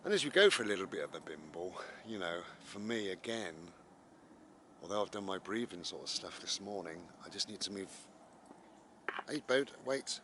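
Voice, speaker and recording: A man's voice: sits low, very animated, sharp tone. Musing man, noisy outdoor recording. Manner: unhurried, musing, repeating phrases. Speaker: vlogger guiding mindfulness and breathing. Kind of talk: casual spoken meditation while walking outdoors. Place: outdoors, walking in the countryside.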